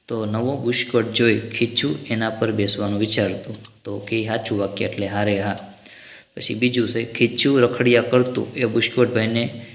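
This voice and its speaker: A male teacher patiently explaining workbook answers to children, step by step. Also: on the low side. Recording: roomy echo.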